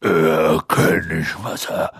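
A man voicing a huge, good-natured male half-giant gamekeeper in an audiobook, with a deep gruff voice and a slow, blunt, folksy drawl. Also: flat delivery, no room sound, clean studio sound, full character voice. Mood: embarrassed. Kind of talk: audiobook character voice.

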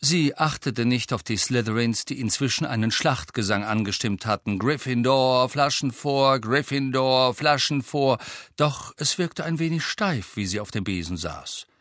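A man's voice: medium pitch, normal speed, hardly any pauses, dry recording. Man reading an audiobook in a dry close sound. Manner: lively, expressive reading. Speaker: audiobook narrator. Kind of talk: scripted narration.

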